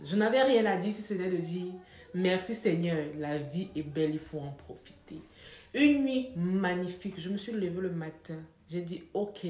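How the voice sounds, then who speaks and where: A young woman spins a personal story in a casual, animated way, laughing and leaning hard on dramatic moments. Her voice sits low for a woman. The recording carries a roomy echo. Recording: echoey room.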